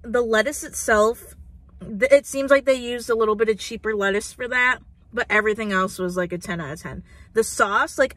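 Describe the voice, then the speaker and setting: Sitting in a parked car with her phone camera on the dashboard, a young woman in her twenties chats through a food review. The dry recording captures a voice on the high side and a bit bright, full of "like" and "um."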